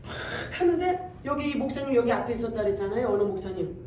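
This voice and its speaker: A woman pastor preaching a sermon, telling a dream story with lively sound effects and rising into loud exhortation. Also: fairly high pitch, fast, recorded from a distance. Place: church sanctuary. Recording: echoey church hall, voice from off-mic, faint room noise.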